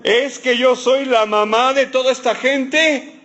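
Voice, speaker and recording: A man voicing Moses as a put-upon man complaining to God in a high, drawn-out, self-pitying whine. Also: fairly even intonation, a bit bright, exaggerated voice. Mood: whiny.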